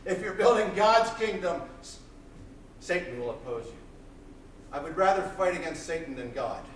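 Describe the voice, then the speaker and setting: A man in his thirties preaching a sermon, pacing the stage of a small church with intense, loud delivery. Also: on the high side, a little hiss or hum. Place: small church hall, indoors. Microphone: far camera, room mic. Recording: echoey church hall from far off.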